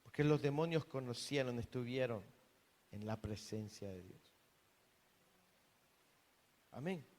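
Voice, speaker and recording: A man's voice: medium pitch, expressive, a little slow, pauses often, a little mellow. A man preaching a sermon in a church hall, earnest, often repeating and restarting words. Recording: long reverb of a hall.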